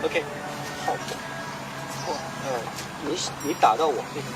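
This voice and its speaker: In an outdoor clip with traffic noise, a man demonstrates martial arts self-defense, explaining emphatically and posing rhetorical questions. His voice is fairly high and slow, with loud music behind it and poor audio quality.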